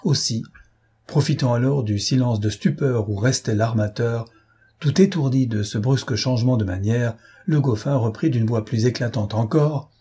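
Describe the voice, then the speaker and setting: A man narrating a classic novel in a measured, expressive way. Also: medium pitch, breathy edge. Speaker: audiobook reader.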